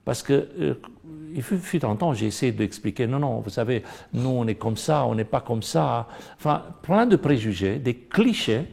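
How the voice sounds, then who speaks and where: Gravelly, dark-voiced man with a Romanian accent. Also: medium pitch, animated, moderate pace. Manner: earnest, rising to emphatic stress. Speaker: panelist in a Bible study discussion. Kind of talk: discussion of a Bible lesson.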